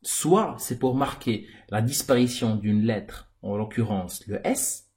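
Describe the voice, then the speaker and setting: Male teacher on a recorded lesson: low voice, very unhurried, repeats each point carefully. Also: lively intonation, a little mellow. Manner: slow, deliberate, repeats words for the viewer.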